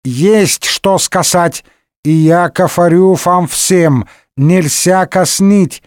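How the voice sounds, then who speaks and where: A man's voice: high voice, drawn-out words, clear, resonant tone, no room sound, clean studio sound, pitched above the performer's own voice. A man voicing a doddering elderly lord who lisps and mumbles through false teeth. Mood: indignant. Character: doddering old male lord, toothless lisp.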